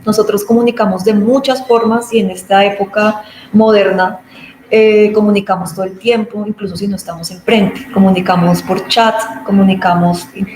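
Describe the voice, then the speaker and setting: A woman lectures informally, explaining patiently and acting out little everyday scenes. Her voice sits at an ordinary middle pitch. The room gives it a noticeable echo, with a faint hum of ambience behind her. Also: fairly even intonation, normal speed, a little mellow. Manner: explanatory, acts out everyday examples. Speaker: speaker on patient communication.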